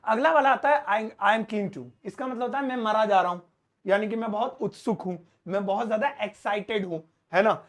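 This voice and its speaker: A man teaching an English lesson in a casual, chatty way, stretching words out slowly as he writes them on the board. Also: high-pitched. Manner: lively, stretches words slowly when writing; talks to an off-screen helper.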